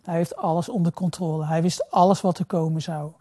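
A man preaching a sermon in a reflective way. He repeats phrases for emphasis and drops to a soft, low voice on key words. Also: fairly even intonation, brisk, no echo, studio quality.

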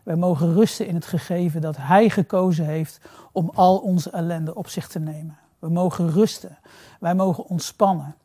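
Warm, reflective male preacher. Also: steady tone, normal speed, no room sound, studio quality. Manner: reflective, repeats phrases for emphasis; drops to a soft, low voice on key phrases. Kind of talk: sermon.

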